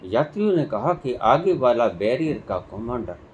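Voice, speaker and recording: A man giving a sermon as a spiritual teacher, telling a parable slowly and acting out the dialogue. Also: medium pitch, sing-song, darkish tone, dull audio. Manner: slow storytelling, acting out dialogue.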